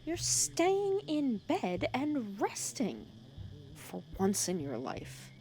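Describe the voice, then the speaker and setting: In an intimate ASMR roleplay, a woman plays a wry, bossy but caring female villain fussing over her hero nemesis, voicing one side of the conversation. Her slightly high voice swings hugely in pitch, extremely slow and exaggerated, with a stern, scolding mood and soft teasing. Crickets and night insects sound clearly outdoors behind her.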